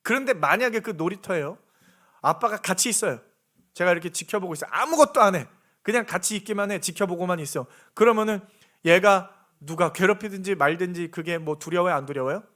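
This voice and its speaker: A man's high-sitting voice, expressive, brisk and a bit bright, carries his earnest sermon through the church sanctuary. As pastor, he keeps firing rhetorical questions at the congregation.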